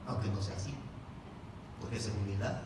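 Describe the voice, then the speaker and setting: A man's voice: on the low side, steady tone, moderate pace, heavy background noise. A male pastor preaching a sermon to his congregation, firing off rhetorical questions and calling listeners "brother". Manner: addresses congregation as "hermano". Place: large church hall. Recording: echoey hall, mic at a distance.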